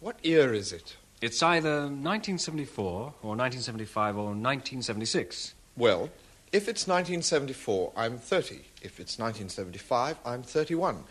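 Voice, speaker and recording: A man's voice: mid-range voice, big pitch swings, fairly quick, fairly bright tone, husky. An actor playing a man in an English lesson dialogue, answering in a plain, methodical way.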